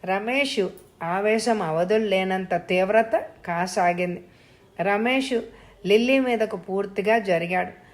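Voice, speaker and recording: A woman storyteller giving a measured, expressive scripted narration of a suspense audio story. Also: mid-range voice.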